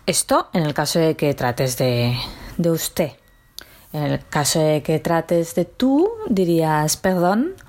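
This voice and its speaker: Slow-paced Spanish teacher from Spain. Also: female voice, lowish voice. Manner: patient, explains slowly with examples. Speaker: Spanish teacher and radio host. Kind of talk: radio language lesson.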